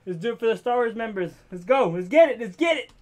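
A young man giving excited gameplay commentary as a YouTuber, yelling at the game and talking from inside a costume helmet. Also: very high-pitched, fast talker. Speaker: gaming YouTuber.

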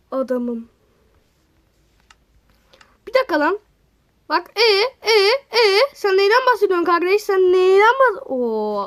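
High-voiced, excitable woman gaming host. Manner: excitable, exclaiming and bickering at other players; talks straight to viewers. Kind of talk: casual gameplay commentary.

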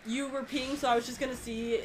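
A woman's voice: high voice, fairly even intonation, brisk, very noisy. A young woman chatting casually while she plays a video game, swearing and laughing often and exclaiming at what happens on screen. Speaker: gamer. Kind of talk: casual chat while playing.

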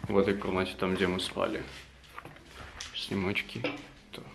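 A man's voice: low voice, little pitch movement, normal speed, vocal fry. A man in his twenties chatting casually to the camera as a vlogger in an apartment room. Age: 20s. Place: small apartment room, indoors. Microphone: camera at arm's length. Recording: noisy handheld camera audio, room ambience.

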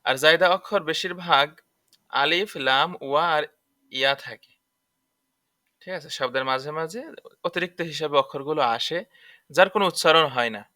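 A man patiently teaches Quran recitation, spelling out letters and vowel marks individually and repeating each tajweed rule. He speaks at normal speed with long pauses, his fairly high voice sharp in tone, and the clean studio recording has no room sound.

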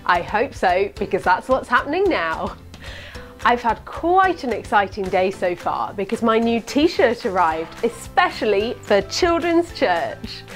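A young woman leading a children's church video, talking brightly to children at home. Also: medium pitch, very animated, a little slow, soft background music. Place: indoors, plain wall.

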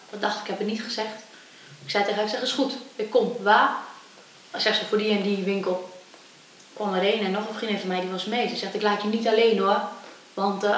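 A woman's voice: medium pitch, far from the mic. A young woman recounts her life as a fighter in an interview, throwing herself into the voices of the people she quotes. She sits back from the microphone in a very echoey room, with faint hiss beneath her voice. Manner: animated storytelling, acting out quoted voices. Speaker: kickboxer. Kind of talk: personal interview storytelling.

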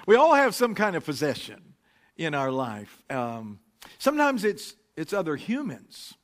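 Male pastor at pulpit mic, slightly high voice, easygoing storytelling sermon. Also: unhurried. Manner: relaxed, anecdotal, with frequent fillers. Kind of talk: conversational sermon. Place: church sanctuary. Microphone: pulpit microphone.

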